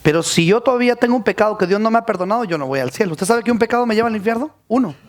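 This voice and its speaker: A man's voice: high-pitched, animated, very fast. A man preaches from the pulpit. He rises and falls as he speaks, calling out questions to his congregation. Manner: preaching with rising calls to the congregation. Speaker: pastor. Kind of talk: sermon.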